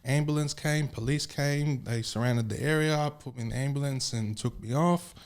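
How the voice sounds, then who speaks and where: A man's voice: medium pitch, moderate pace, clean tone. A young man, a guest in a casual podcast interview, talking in an easygoing way and often repeating his words. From Australia. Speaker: bodybuilder guest.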